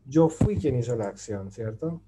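Over some background noise, a man with a medium pitch and lively intonation talks at a normal speed, teaching a Turkish grammar lesson to an online group class. He's patient and methodical, checking in again and again with "¿cierto?" ("right?").

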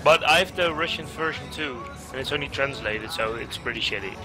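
A man's voice: medium pitch, fairly quick. A man with a Dutch accent in casual gaming voice chat, explaining the next steps to his teammates over a headset. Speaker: gamer. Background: game music.

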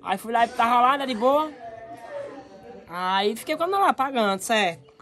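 A man's voice: very high voice, expressive, normal speed, bright, forceful tone. A young man from the Northeast of Brazil telling a rambling story on a sofa, repeating himself as he goes. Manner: rambling, repeats words, laughs mid-story. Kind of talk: casual storytelling chat. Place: indoors on a sofa.

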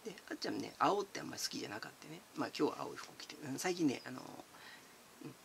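A chatty man, answering viewer comments in a relaxed, giggly way. His voice sits fairly high and swings up and down a lot. There is a gravelly edge to it. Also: rapid-fire, slight background noise. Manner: chatty and giggly, calls himself by nickname. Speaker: channel host.

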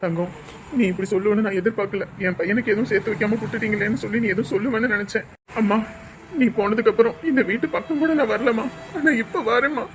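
A woman speaking gently and earnestly in an amateur family drama. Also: medium pitch, fast talker, a little hiss or hum.

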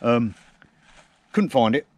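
A cheeky English camping vlogger chats casually to camera from a woodland camp, his voice medium in pitch, animated, slow and darkish, with no echo. His manner is teasing banter laced with dry self-mockery, picked up by a camera mounted close on a tripod.

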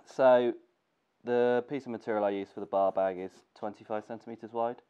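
A young man with a cold, his voice congested, chats casually through a sewing tutorial in his workshop. He's a gear maker, speaking at medium pitch, briskly and clearly with a resonant tone, relaxed and thinking aloud with fillers. The audio is dull lo-fi camera sound with faint noise.

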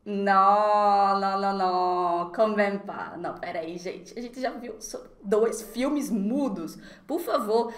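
A woman from Recife, Brazil, with a Brazilian Portuguese accent, leads a lively, chatty live French lesson. She laughs often and slows down to pronounce French words with care. Her voice is a little high and the sound is reverberant.

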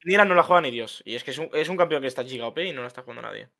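A man's voice: mid-range voice, animated, racing, vocal fry, a crowd in the background. A man on a casual esports podcast, giving emphatic opinions. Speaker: podcast panelist.

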